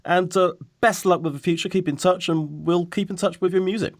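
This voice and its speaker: A man's voice: sits high, steady tone, fairly quick, dry recording. An Irish man hosting a casual interview, teasing his guests and laughing often. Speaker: podcast host.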